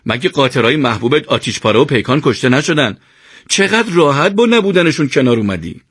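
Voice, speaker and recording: A man's voice: medium pitch, lively intonation, a bit bright, husky, dry recording, clean studio sound. A man voicing a reproachful young male soldier grieving his lost animals.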